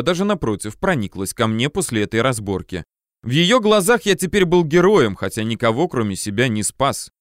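A man's voice: medium pitch, dry recording. A man reads a first-person audiobook with a wry storytelling manner into a close microphone. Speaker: audiobook narrator.

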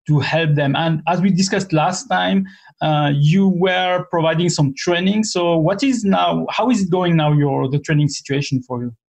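Higher-voiced man hosting, non-native English. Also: moderate pace, vocal fry, a little mellow. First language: not English. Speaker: interview host. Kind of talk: conversational interviewing.

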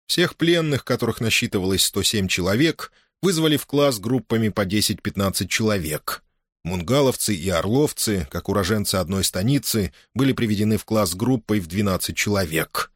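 A man narrating a novel as an audiobook in a steady, expressive reading. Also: fairly low pitch, no echo, clean studio sound.

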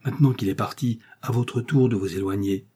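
A man's voice: fairly low pitch, a little fast, warm tone, slightly rough. A man reading aloud and voicing an anxious young woman who speaks urgently and pleads.

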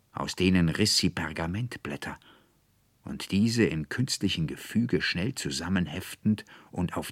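A man reading a fairy tale aloud as a measured, theatrical audiobook narrator. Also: low voice, no room sound. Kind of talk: dramatic literary reading.

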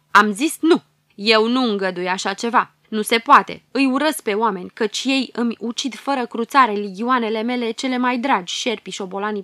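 A woman voicing an evil, hateful old hunchbacked witch with a shrill, hissing voice and a ranting, cackling, venomous manner. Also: fairly bright tone, no room sound, lightly acted.

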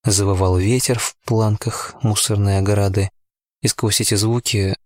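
Low-voiced man narrating an audiobook. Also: steady tone, moderate pace, darkish tone, no echo, clean studio sound. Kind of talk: first-person audiobook narration.

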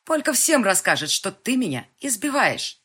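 A woman voicing a defiant, frightened young heroine in an audiobook, with a husky voice and shrill outbursts. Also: fairly quick. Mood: panicked screaming.

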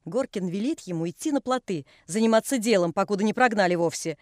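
A woman reading a novel aloud as an audiobook narrator, in an even storytelling manner. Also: medium pitch, quick pace, no echo, clean studio sound. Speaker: audiobook reader. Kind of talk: scripted narration.

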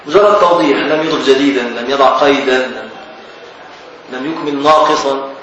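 A man's voice: mid-range voice, fairly quick, a bit bright, muffled recording. A man with an Egyptian Arabic accent teaching a classical legal text to a class, questioning and teasing his students as he explains. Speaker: teacher of Islamic law texts. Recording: very echoey, distant from the mic, faint hiss.

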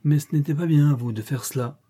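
A man's voice: a little high, fast, mellow, slightly rough, voice pushed up. A man voicing Jane Eyre, an earnest young governess. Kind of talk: audiobook character reading.

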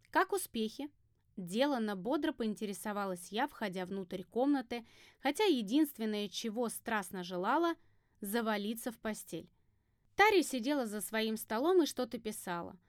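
A woman narrating a fantasy audiobook in first person with a lively, wry storytelling manner. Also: on the high side, smooth, dry recording, studio quality.

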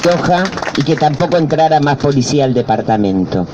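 A man's voice: fairly high pitch, animated, brisk, highs cut off, background noise. A man giving an urgent speech at a protest. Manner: urgent, rallying. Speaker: activist speaker.

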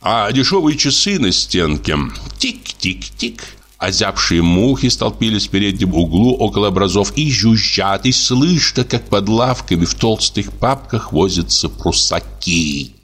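Male audiobook narrator, lowish voice, measured and expressive, literary fiction. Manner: measured, expressive reading with shifting pace. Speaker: audiobook reader.

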